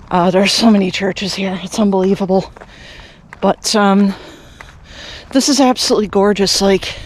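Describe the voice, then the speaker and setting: A man's voice: high voice, slight background noise. A man from Canada narrating a casual walking vlog outdoors, chatty and rambling with many fillers and restarts. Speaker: vlogger. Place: outdoors, walking around a rural cemetery.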